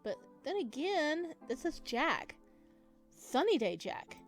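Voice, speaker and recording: Her voice sits high and has a slow, sing-song quality as she plays through a game and reads its story aloud. This chatty let's play host giggles and reacts to the visual novel text, with music behind her.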